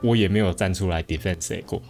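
A man with a somewhat low voice co-hosts a casual podcast chat. He talks in a hesitant, soft-spoken way and works English words into his sentences. Faint music plays in the background. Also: fast.

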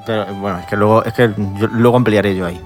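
A man, co-hosting a casual chat. He is playful and teasing and laughs quickly. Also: lowish voice, fairly even intonation, soft background music. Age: late 20s. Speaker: podcast co-host.

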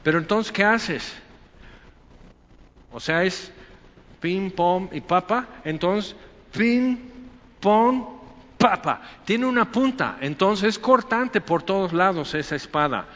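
A man preaching a Sunday sermon in a conversational, animated way, often acting out quoted voices. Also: high voice, takes it slowly. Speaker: pastor. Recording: echoey hall, dull lo-fi sound.

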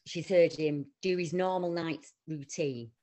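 A woman's voice: deep voice, fairly even intonation, unhurried, warm tone. A woman, chatting casually and telling family stories, acting out her relatives' voices. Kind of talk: casual chat.

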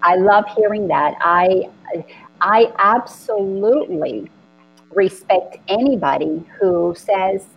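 Hosting a spiritual conversation, a middle-aged Dominican woman shares her own story earnestly and with lively feeling. Her mid-range voice is slow, gravelly, and breathy, and the audio is dull.

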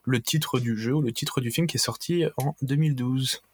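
A man's voice: medium pitch, moderate pace, husky. A man hosting a casual podcast quiz with friends, joking around and explaining the game rules at length. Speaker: quiz host.

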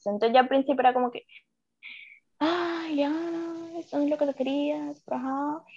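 A woman's voice: medium pitch, highs cut off. A young woman with a coastal Colombian Spanish accent chats casually as a podcast guest, rambling and exclaiming as she goes. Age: young adult.

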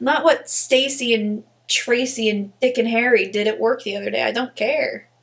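A woman co-hosting a casual podcast. She talks bluntly and emphatically and swears freely. Her voice is a bit high. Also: fairly even intonation, moderate pace, gravelly. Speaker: podcast co-host. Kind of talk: casual chat.

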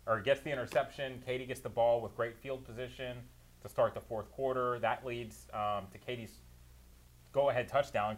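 Man, sports analyst, detailed recaps, opinionated, ordinary mid-range voice. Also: medium pitch. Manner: detailed play-by-play recaps, opinionated, laughs easily.

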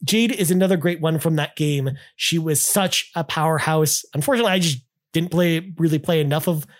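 A man's voice: a little high, a little fast. A man co-hosting a casual gaming podcast, reading out listener comments with lots of enthusiastic restarts. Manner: enthusiastic, many restarts and "I mean". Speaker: podcast co-host.

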